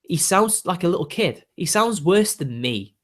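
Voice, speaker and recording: High-pitched and very animated at a normal speed, this youthful British YouTuber in his 20s chats with his audience. The talk turns into exasperated rants loaded with filler words.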